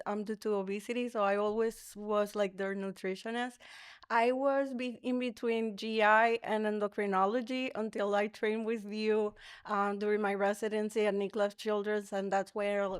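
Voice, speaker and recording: Clear-voiced woman from the Dominican Republic. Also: mid-range voice. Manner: careful explanatory, frequent um fillers. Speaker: pediatric obesity physician guest. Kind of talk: podcast interview.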